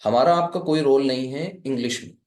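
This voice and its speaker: A man's voice: mid-range voice, darkish tone, echoey room. A man from India teaching a live Arabic class, patiently explaining step by step and quizzing his students.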